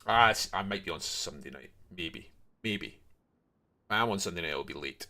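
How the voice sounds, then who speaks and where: A man's voice: sits low, expressive, moderate pace, bright, forceful tone. A man streaming a survival game, chatting casually and rambling with frequent restarts. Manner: rambling, chatty, self-correcting. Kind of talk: casual livestream chat while gaming.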